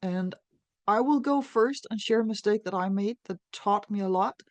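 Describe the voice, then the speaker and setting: Brief: Danish woman facilitator on a video call, unhurried and reflective, dry close sound. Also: medium pitch, no echo. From Denmark. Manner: relaxed, reflective storytelling with frequent fillers. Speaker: meeting facilitator. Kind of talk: online group discussion.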